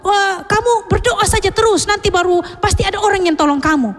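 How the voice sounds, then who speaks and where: Lady playing a fussy priest making excuses, sorry sorry no time, high voice, echoey hall. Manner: hurried, apologetic excuses. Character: busy self-excusing priest refusing help. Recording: long hall reverb.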